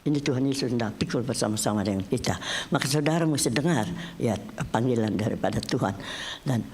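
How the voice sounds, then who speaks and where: A woman's voice: expressive, fast, a little mellow, slight background noise. A woman pastor giving a conversational sermon at a church service, talking chattily to the congregation, often addressing them directly and mixing in English phrases. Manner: chatty, swings between raised exclamations and low murmurs.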